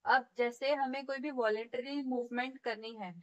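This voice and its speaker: A woman with a fairly high voice teaches physiotherapy the way she would in a classroom. She explains each point patiently, one step at a time, and keeps checking in with her students. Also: steady tone, normal speed, a bit bright, dull audio. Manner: demonstrates movements while teaching. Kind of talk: classroom lecture.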